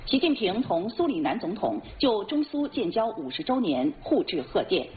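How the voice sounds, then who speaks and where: A woman's voice: mid-range voice, sing-song, normal speed. A woman reading scripted news as an anchor in standard mainland Mandarin, formal and precise. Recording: tinny narrowband broadcast with faint noise.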